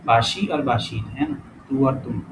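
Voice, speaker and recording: A mid-range male voice belongs to a language teacher running an easygoing lesson. Working through exercises, he voices his thoughts, revises what he says frequently, and sounds out example words slowly, with clear background noise audible.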